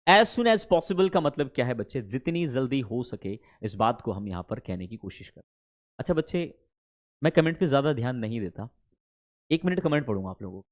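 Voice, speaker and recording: In an online spoken-English class, a male English teacher speaks with a lively pitch. He affectionately addresses the students as kids, blends Hindi and English, and stretches English phrases out slowly.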